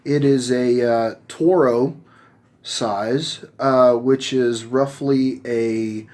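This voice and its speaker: Man in his thirties, relaxed podcast co-host. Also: mid-range voice, very slow. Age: 30s. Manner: relaxed, hesitant with many restarts. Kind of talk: casual chat.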